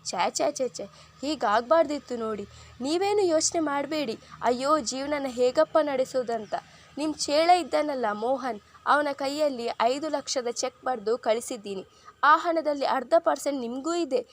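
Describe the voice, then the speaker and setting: A woman's voice: sits high, moderate pace, natural voice. A woman voicing an arrogant, defiant young businessman who mocks his rival in a Kannada audio story. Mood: mocking. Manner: mocking, contemptuous.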